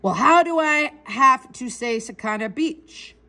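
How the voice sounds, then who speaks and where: A woman voicing an eager, curious little Japanese American boy who asks excited, wide-eyed questions. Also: high voice, a little slow, heavily acted.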